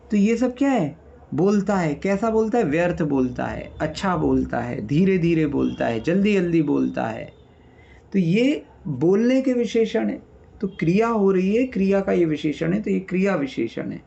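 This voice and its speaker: Here the Sanskrit teacher's voice sits high, creaky yet mellow, coming through a muffled recording. In an online revision lecture on grammar, he patiently explains and lists word meanings while regularly checking on his students.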